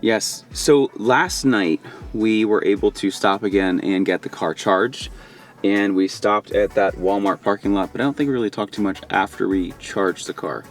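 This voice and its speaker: Southern man, casual vlog host talking from the car, relaxed and chatty, faint music under him. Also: fairly low pitch, normal speed. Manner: relaxed, chatty, thinks aloud. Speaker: vlogger driving an electric car. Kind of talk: casual road trip vlog chat. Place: inside a car.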